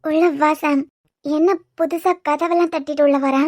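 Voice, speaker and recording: A wounded young woman in a cartoon serial answers in short, guarded lines, voiced by a woman. Her voice sits high, and she has a Kanyakumari Tamil accent. The recording is dry and close. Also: steady tone, moderate pace, a little mellow, no room sound, natural voice. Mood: puzzled.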